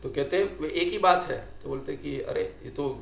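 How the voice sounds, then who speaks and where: A man teaching a scripture class, explaining with questions and little acted dialogues, and reciting Sanskrit lines slowly. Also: on the high side, gravelly, echoey room. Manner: quotes Sanskrit text slowly. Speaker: Vedanta teacher.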